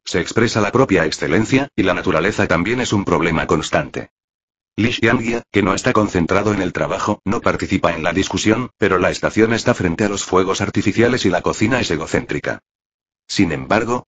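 A man reading a translated web novel aloud in a flat, machine-like way. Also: deep voice, husky. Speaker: narrator. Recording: dull lo-fi audio.

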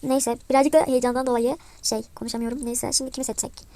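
A young woman with a high voice talks over her gameplay in a chatty, excitable way. She sounds a bit sick and often drops to a quiet mutter. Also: fast talker. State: slightly sick voice. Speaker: gaming vlogger. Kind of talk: casual gameplay commentary.

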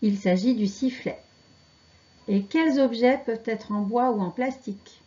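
A woman teaching children to read, pronouncing syllables and words slowly and carefully. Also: a little high, mellow, lo-fi sound. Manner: slow, carefully articulated dictation. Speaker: reading teacher. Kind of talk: slow reading lesson for children.

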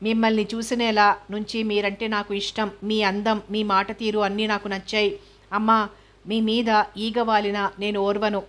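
A woman voicing a playful young village girl, devoted and chatty, talking in rapid, confiding bursts. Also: medium pitch, little pitch movement, a bit bright, close to an everyday voice. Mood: earnest.

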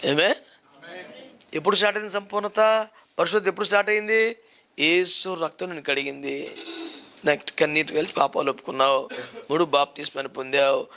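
A man's voice: fairly high pitch, steady tone, a little fast, pauses often, bright, forceful tone, a little hiss or hum. A male pastor preaching a sermon, driving his points home with repeated rhetorical questions.

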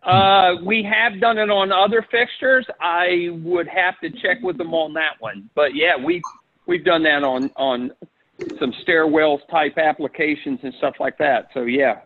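A man's voice: on the high side, a little slow. A man casually fielding questions as the presenter of a webinar. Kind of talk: casual question-and-answer chat. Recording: dull, lo-fi webinar audio.

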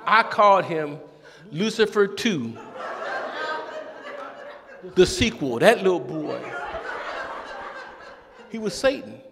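A male pastor delivers a sermon with animated, humorous storytelling and call-and-response. His voice sits a little high for a man. A long reverb trails his words in the church sanctuary. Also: unhurried, creaky, pauses often, noisy background.

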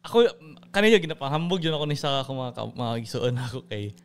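Very animated and fast-talking, this young podcast host has a medium-pitched, clean-toned voice. He's chatty and laughs a lot, blending English into his Cebuano during the casual conversation.

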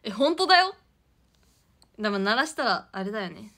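A woman's voice: on the high side, big pitch swings, moderate pace, a bit bright. A young woman hosting a casual idol livestream, giggly and chatty as she reads out viewer comments.

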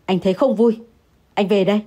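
A woman's voice: mid-range voice, steady tone, a little fast, dark tone, natural voice. A woman voicing an irritable young husband who answers curtly in an audio story. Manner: curt, dismissive. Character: irritable young husband, curt and money-proud.

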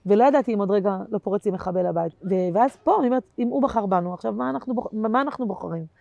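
A woman comedian telling stories as an interview guest. Her delivery is animated and swings between loud bursts and quiet asides, with slangy fillers throughout. Her voice sits at an ordinary mid pitch, and the recording is dry and close. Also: vocal fry, dry recording. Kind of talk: casual interview chat.

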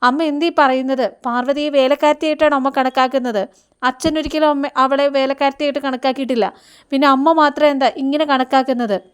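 A woman's voice: high voice, steady tone, quick pace, close to an everyday voice. A woman voicing an earnest young male boss in a retold TV serial scene, pleading and indignant.

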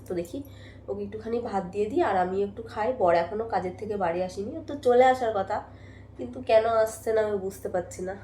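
Tired, chatty young woman, going hoarse. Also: medium pitch, fast talker, dark tone, reverberant, a little hiss or hum. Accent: Bengali. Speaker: vlogger. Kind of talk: casual vlog chat. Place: at home, indoors.

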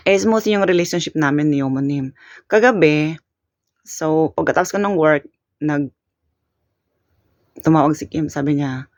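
A woman's voice: sits low, unhurried, long pauses, a little mellow, dry recording. A woman from the Philippines telling a casual story on her vlog, chatty, laughing often and trailing off with fillers. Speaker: vlogger. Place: home in Korea.

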